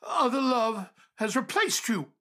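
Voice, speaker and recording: A bitter Scrooge haunted by the past in a radio drama. The voice is husky and unhurried, swinging emotionally from halting murmurs to defensive outbursts, with faint music behind. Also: female voice, fairly high pitch, lively intonation, a bit bright.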